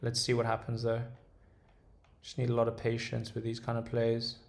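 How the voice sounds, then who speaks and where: A young man with a British accent, streaming from Dubai as a day trader, chats casually through trading charts and reads chat. His voice has little melody and a gravelly edge, and he speaks in a relaxed, halting way full of ums and restarts. Sound bounces around a roomy space.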